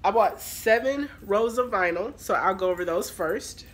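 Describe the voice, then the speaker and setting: A woman with a medium-pitched, animated voice rambles through a casual shopping haul vlog at a normal speed, against a noisy background. Her allergies have her congested and nasal, and her talk is loose and full of fillers.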